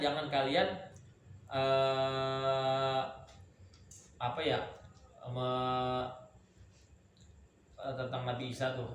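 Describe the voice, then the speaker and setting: A man's voice: mid-range voice, a bit bright. A man teaching a religious study group, drilling pronunciation and asking if listeners understand. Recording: echoey room, faint background noise.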